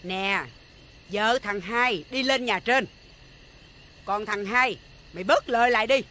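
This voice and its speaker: An actress playing a stern elder matriarch with a Southern Vietnamese accent, commanding and reproachful. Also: female voice, mid-range voice, slow, bright, forceful tone, slight background noise.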